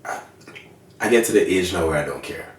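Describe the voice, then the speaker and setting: A Jamaican filmmaker giving a candid interview, lively, often acting out other people's voices. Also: male voice, low-pitched, brisk, distant mic. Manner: animated, acts out voices of others mid-sentence. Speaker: filmmaker and show creator. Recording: roomy sound, mic set back.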